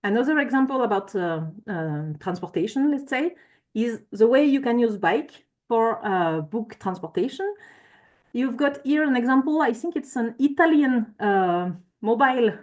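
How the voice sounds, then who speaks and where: A woman's voice: a little high, animated, moderate pace, darkish tone. A woman giving a conference presentation with slides, speaking hesitantly with frequent fillers and self-corrections.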